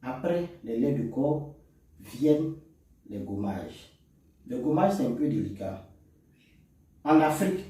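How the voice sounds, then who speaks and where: In a relaxed teaching session, a man with an African French accent, a cosmetics chemist and instructor, explains products with emphatic delivery. He speaks at medium pitch in a mellow voice, captured by a faraway microphone in an echoey space.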